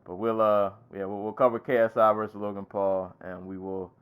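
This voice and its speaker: A man's voice: on the low side, level tone, fairly quick, clean tone. A man co-hosting a podcast in casual chat. He talks in a laid-back way and laughs often. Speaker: podcast co-host.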